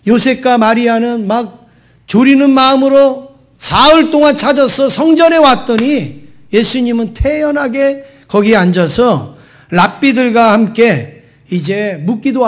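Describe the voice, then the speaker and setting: A male pastor preaching a Sunday sermon in a conversational way, often asking the congregation questions. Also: sits high. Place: church sanctuary.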